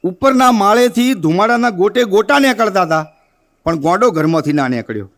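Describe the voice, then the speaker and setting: A man with a reciting poetry at a poetry gathering, chanting verses slowly and then telling a comic tale with quoted dialogue. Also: high voice, expressive, gravelly, fairly bright tone.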